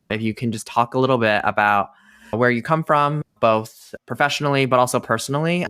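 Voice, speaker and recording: A man's voice: fairly low pitch, sharp tone, clear, resonant tone, no echo, studio quality. A man co-hosting a podcast, politely inviting the guest to talk about his background. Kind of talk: interview questions.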